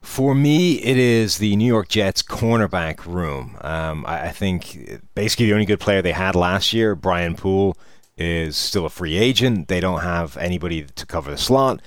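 A man with a low voice gives conversational sports analysis as a co-host. The sound is close and very dry, with little room around him. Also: expressive, normal speed, no room sound.

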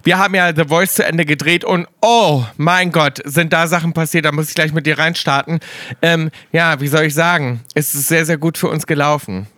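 A man's voice: on the high side, fairly even intonation, moderate pace, pushed and bright. A man in his thirties co-hosting a podcast in casual chat, telling stories in a dramatic, playfully confessional way. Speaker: podcast co-host. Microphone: studio microphone.

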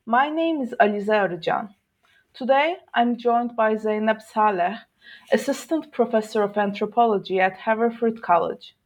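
A woman's voice: on the high side, moderate pace. Woman hosting an academic interview. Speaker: podcast interviewer. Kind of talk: scripted introduction and interview questions.

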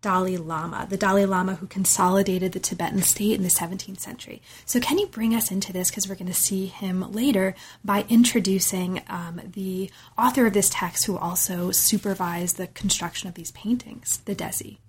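Husky-voiced woman interviewer. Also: medium pitch, fairly even intonation, normal speed, few pauses. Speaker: podcast interviewer and host. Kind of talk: prepared book interview, summarising and asking questions.

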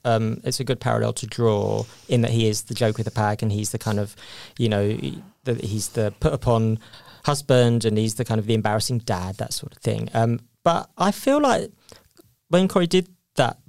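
A man's voice: fairly low pitch, moderate pace, vocal fry, darkish tone, no echo. A man chatting casually on a podcast about soap operas, talking through stories with lots of fillers and restarts.

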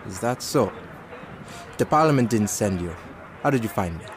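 An actor playing an old retired field agent of the sea, gruff and folksy with old-fashioned phrasing, in an audio drama. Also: male voice, fairly low pitch, lively intonation, moderate pace, a crowd in the background, close to an everyday voice. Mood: gruff, wary. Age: older. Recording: clear outdoor dockside noise behind.

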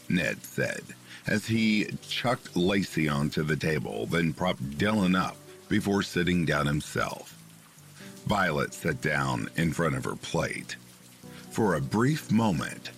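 A man's voice: rumbling low, a bit bright. A man giving a dramatic, scripted horror story narration and relishing the crude details. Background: faint horror music and rain.

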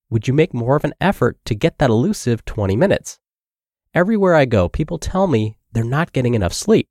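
A man's voice: mid-range voice, a little mellow, no echo, studio quality. A man hosting a health podcast with a congested voice, upbeat as he reads a blog article aloud. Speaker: podcast host and narrator.

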